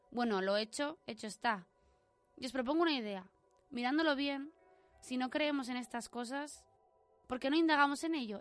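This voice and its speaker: A woman from Spain acting a skeptical, sharp-tongued friend in a radio drama. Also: sits high, close to an everyday voice. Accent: Spanish from Spain. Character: skeptical, defiant young adult woman friend. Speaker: friend at a Christmas gathering. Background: faint background music.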